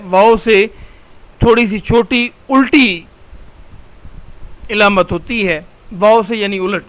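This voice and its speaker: Man, high voice, college lecturer, patient explanatory lecture, repeats key terms slowly. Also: a bit bright, rough recording. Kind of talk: recorded classroom lecture over slides.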